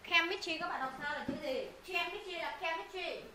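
Woman teacher drilling words over and over, high bright voice, echoey room. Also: brisk. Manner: drilling, repeating words, quizzing students. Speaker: English teacher. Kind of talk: live pronunciation lesson to students. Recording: echoey room, faint noise.

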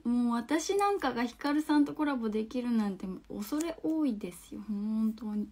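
Speaking at a normal speed, a bright, high-voiced woman in her twenties with a Hakata dialect hosts a loose, expressive phone livestream. She reads viewer comments aloud, laughs easily, chats freely, and occasionally drops into soft, near-whispered asides.

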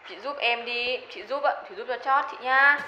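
A woman's voice: high-pitched, moderate pace, background noise, close to an everyday voice. An actress playing a hapless young female student who whines and wails about her troubles. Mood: pleading. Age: young adult. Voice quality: wailing, whiny. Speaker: student in a comedy sketch.

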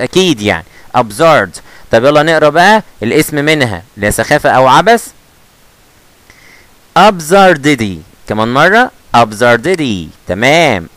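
An Egyptian man teaches English vocabulary in a mid-pitched voice, repeating each word slowly and teasing his students. He has an Egyptian Arabic accent. The sound is close and dry, with no room echo. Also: a bit bright. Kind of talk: vocabulary lesson.

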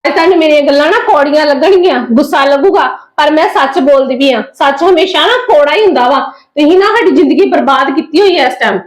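A woman's voice: high voice, fast talker, hardly any pauses, lightly acted. A woman acting as a fed-up young wife who firmly lectures her sister-in-law, in a family drama. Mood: lecturing. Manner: firm and lecturing.

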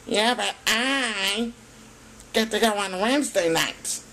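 A man's voice: high-pitched, slow pace, pushed and bright, exaggerated voice, low-quality recording. A man voicing a brash, teasing sock puppet host in children's puppet show banter, exclamatory and sarcastic. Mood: earnest.

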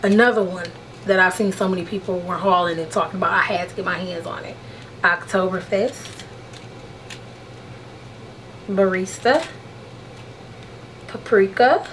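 A woman's voice: medium pitch, a little slow, long pauses, fairly bright tone, a little hiss or hum, rough recording. A woman beauty vlogger chatting casually through a makeup unboxing, frank and slangy, calling her viewers "honey".

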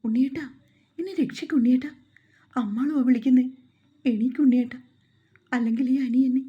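Brief: tearful, pleading young village girl , voiced by a woman, pitched up, husky and dull audio. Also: fairly quick.

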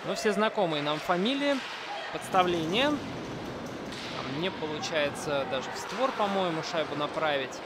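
A man giving unscripted live ice hockey commentary, often pausing mid-sentence to find words. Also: on the high side, expressive. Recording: loud rink noise behind the voice. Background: noisy indoor ice rink.

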